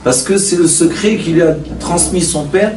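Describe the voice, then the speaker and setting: A man, a rabbi, giving a Torah class to a live audience, telling stories and throwing rhetorical questions at the listeners in an animated way. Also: fairly high pitch, measured pace. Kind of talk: Torah lecture with storytelling. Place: study center hall with a mixed audience. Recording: echoey room, distant mic, faint noise.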